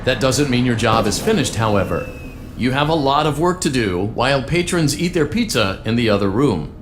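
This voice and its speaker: A man with a natural, medium-pitched voice plays a peppy, salesy corporate training narrator who serves as the tutorial guide for a pizzeria franchise in a video game. His scripted narration is expressive, moderately paced and encouraging, with music behind him and slight background noise.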